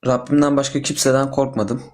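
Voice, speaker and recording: A young man in his late teens with an average-pitched voice. He talks earnestly and casually on a livestream, addressing his elders politely and with deference. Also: fairly even intonation, a little fast, soft background music. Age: teenager, seventeen. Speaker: livestream guest.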